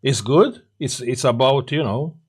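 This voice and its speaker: Greeting his audience and answering comments, a Romanian-accented man runs a relaxed live stream in English, which isn't his first language, and frequently stops on filler words. He's from Romania and has a mid-range, slightly rough voice.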